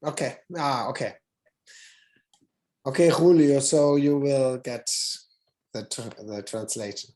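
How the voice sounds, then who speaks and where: A moderator opening an online conference session over a video call. The delivery is halting and full of restarts, with the odd phrase from another language slipped in. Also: medium pitch, dark tone.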